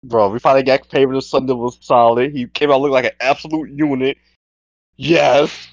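An excitable man chats casually about games in loose, bro-heavy slang. His pitch is average. The sound is dry and a little dull, like a lo-fi mic. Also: fairly quick, no room sound. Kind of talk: casual gaming chat.

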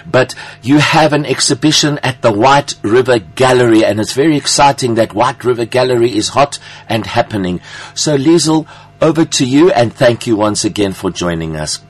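A man with a South African Greek accent hosting a radio interview, warmly effusive with lots of encouraging interjections. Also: medium pitch, expressive, normal speed. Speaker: radio host. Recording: radio broadcast.

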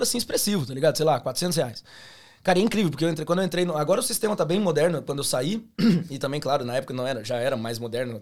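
Man, Brazilian accent, 30s, high voice, gravelly, animated slangy storytelling, podcast guest. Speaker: podcast guest, former bank teller. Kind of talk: casual chat.

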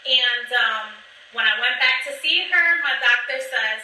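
A woman's voice: fairly high pitch, a little slow, sharp tone. A woman chatting casually as a podcast host, telling a personal story straight to her listeners with plenty of fillers. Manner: chatty, addresses listeners directly, many fillers. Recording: echoey room, mic at a distance.

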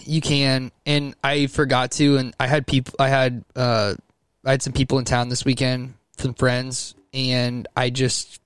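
A man co-hosting a dad podcast from home over a call, jokey and quick to get excited. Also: mid-range voice, smooth, no room sound, studio quality. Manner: jokey, excitable, laughs often. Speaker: podcast co-host. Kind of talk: casual chat. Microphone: remote call recording.

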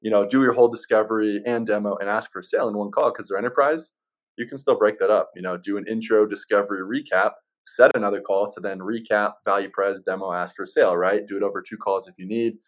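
Male sales rep guest, fairly low voice, conversational and easygoing, explains like a practiced seller. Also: steady tone, fast talker. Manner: easygoing, salesman-like explaining, says man and right often. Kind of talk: casual chat.

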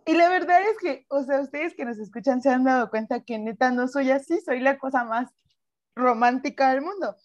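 A young woman with a Mexican Spanish accent, co-hosting a casual podcast chat and telling animated stories with acted-out quotes. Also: sits high, normal speed, muffled recording. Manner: animated storytelling, acts out quotes. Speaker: podcast co-host.

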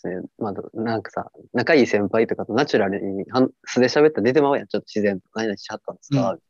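A man's voice: lowish voice, a little mellow, no echo, dull audio. Joking Kansai man on a podcast. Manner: joking, teasing, quick comebacks. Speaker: podcast co-host. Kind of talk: casual comedic chat.

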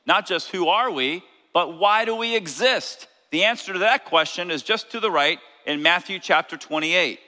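Man, pastor, sermon, high voice, long church reverb. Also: sharp tone. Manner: preaching with rising fervor, calling out to the congregation. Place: church sanctuary.

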